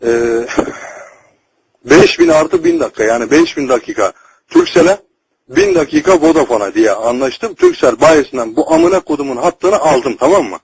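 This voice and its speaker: A man's voice: mid-range voice, wildly swooping pitch, normal speed, vocal fry, a little mellow, slightly rough. A man making a heated, foul-mouthed, confrontational complaint as a customer over a landline phone. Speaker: customer calling a phone company helpline. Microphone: telephone line. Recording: noisy landline phone call recording.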